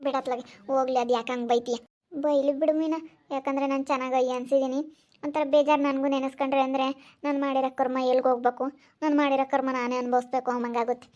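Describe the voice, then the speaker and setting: A woman plays a worn-out, tearful village woman in an amateur village skit, speaking. Her high voice stays on a flat, narrow line as she rushes through plaintive, repeated complaints. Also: lightly acted. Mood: weary, tearful. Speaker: ailing woman Suguna.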